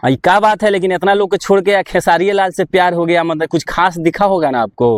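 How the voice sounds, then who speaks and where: This is a local reporter, a man with a Bihari accent, pressing and needling someone during a phone interview in a casual, confrontational manner. He talks briskly in a high voice over slight background noise.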